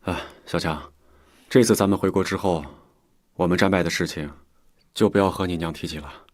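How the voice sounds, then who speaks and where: Man as a commander, stern, curt, very deep voice, dry sound. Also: steady tone, moderate pace, no echo, natural voice. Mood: calm. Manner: curt, dismissive. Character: calm, stern deputy commander, a father.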